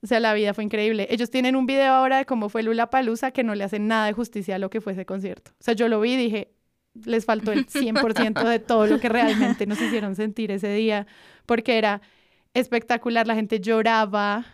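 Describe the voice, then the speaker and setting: Excited woman telling a story. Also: on the high side, a little fast, clean tone, no echo, clean studio sound. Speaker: podcast co-host. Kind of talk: casual podcast chat.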